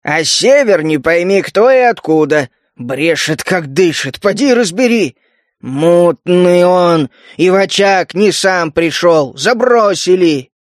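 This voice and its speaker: A man voicing a cynical, suspicious rat-faced male mutant who grumbles in a gruff voice. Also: sits high, lively intonation, takes it slowly, no room sound, clean studio sound. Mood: suspicious grumbling.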